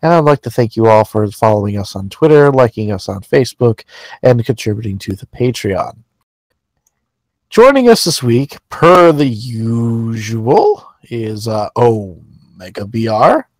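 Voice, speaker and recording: A man's voice: lowish voice, very animated, a little slow, darkish tone, no room sound, low-quality recording. A man hosting a wrestling news podcast, reading news and teasing his co-hosts in joking banter. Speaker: podcast host. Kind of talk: casual podcast chat.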